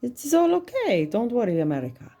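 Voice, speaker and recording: A gruff Russian driver putting on a fake, loud cheerfulness in a thick Russian accent, as a woman narrator plays him. His voice jumps high above the narrator's usual low tone. Soft music plays behind. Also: wildly swooping pitch, fairly quick, full character voice. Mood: forced cheer. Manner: forced, falsely cheerful.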